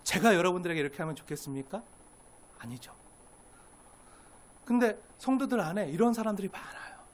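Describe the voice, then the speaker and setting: A male pastor preaching a sermon in an earnest way, rising to emphatic lines and dropping to hushed asides, acting out quoted complaints. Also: high voice, animated, fairly quick. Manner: acts out quoted complaints in a sharper, pushier voice.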